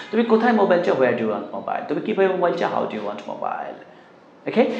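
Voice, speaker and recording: A Bangladeshi man leads a spoken English class, repeating drill sentences one by one with many hesitant fillers. He speaks at a slow, deliberate pace, and his voice rings in a roomy, echoing space. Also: mid-range voice. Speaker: English teacher. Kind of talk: classroom lesson mixing Bengali and English.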